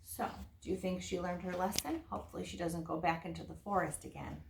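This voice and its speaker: A gravelly, lowish female voice moves a little fast as she informally teaches young children, breaking things down simply and casually. It's lesson and story time in an indoor room, with echo and faint noise in the audio.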